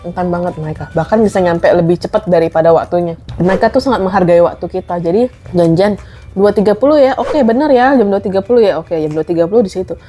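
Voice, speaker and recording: A woman from Indonesia chatting casually over a meal, lively and quick to laugh, slipping English phrases into her talk. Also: fairly low pitch, soft background music. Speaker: co-host.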